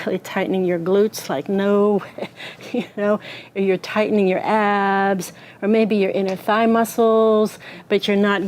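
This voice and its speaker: A woman's voice: mid-range voice, darkish tone, slight background noise. A woman pelvic floor therapist giving a conversational health talk to an audience, explaining an anatomical model and checking in with listeners. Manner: conversational, asks the audience questions.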